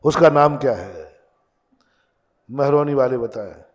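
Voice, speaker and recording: A man preaching a sermon as a monk, slow and emphatic, putting questions to his audience. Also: medium pitch, lively intonation, long reverb tail.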